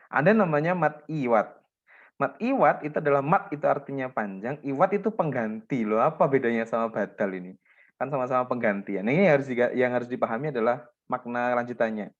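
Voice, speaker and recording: A man's voice: mid-range voice, highs cut off. Patient man teaching recitation rules. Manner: patient, checks in often with students, models recitation examples. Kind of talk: classroom lesson on tajwid rules.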